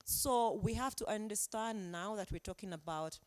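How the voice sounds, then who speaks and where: A woman's voice: mid-range voice, moderate pace. A woman from Uganda, an anthropologist speaking as a guest on a webinar panel, explaining her points reflectively with examples over a video call. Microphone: video call mic.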